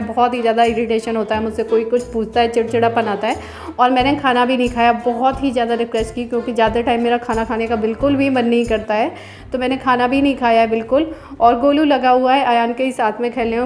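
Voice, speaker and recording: A woman's voice: on the high side, a little mellow. A woman in her thirties, a home vlogger chatting through a casual voice-over, explaining each step in a homely way.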